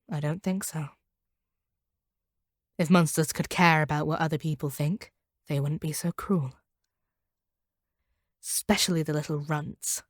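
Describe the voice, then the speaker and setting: In a scripted audio roleplay, an actress plays a hardened woman who hunts monsters, speaking down to her captive with measured, domineering authority and a proud, bitter edge. Her voice sits a little low, and the recording is very dry and close.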